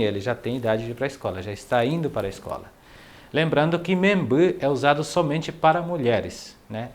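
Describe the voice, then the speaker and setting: A man giving a casual online language lesson. He repeats phrases slowly and carefully, explains them in quick asides and talks to his viewers directly. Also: mid-range voice. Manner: friendly, addresses viewers directly. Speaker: language teacher.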